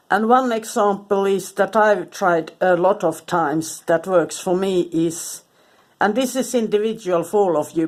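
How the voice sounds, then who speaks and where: A spiritual content creator, a woman, talks casually and informally to the camera, hesitating with frequent ums and restarted sentences. She has a cold, so she sounds stuffy and sniffly, and her pitch sits in an ordinary middle range.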